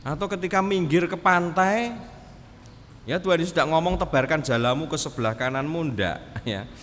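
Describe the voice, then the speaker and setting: A man preaches a sermon, telling the story animatedly and switching into character voices for the dialogue. His voice sits at an ordinary middle pitch. The recording carries a long church-hall reverb and a faint hum of room noise. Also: fairly bright tone. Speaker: pastor.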